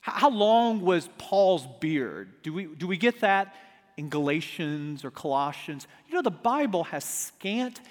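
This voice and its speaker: High-voiced pastor at a pulpit microphone. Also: male voice. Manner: rhetorical questions with repeated restarts. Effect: preaching into a pulpit microphone. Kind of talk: sermon. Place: church sanctuary. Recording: long hall reverb.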